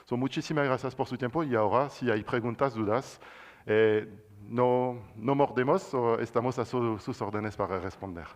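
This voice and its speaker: At a university talk with questions afterward, a guest speaker who works as a cloud solutions architect presents in a medium-pitched voice. His delivery is halting and full of restarts, mixing in French and English words.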